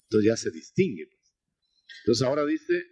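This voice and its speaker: A man delivers a teaching sermon, walking through scripture and calling his listeners brother. His voice is husky, and his pitch rises and falls with animation as he restarts and repeats phrases. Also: huge pitch swings, normal speed, warm tone. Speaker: preacher. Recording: 1990s.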